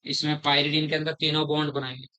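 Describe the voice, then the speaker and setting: A middle-aged man teaching a chemistry class, slowly repeating terms, quizzing his students and calling them "beta". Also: a little high, level tone, bright, forceful tone, muffled recording. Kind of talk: classroom lecture.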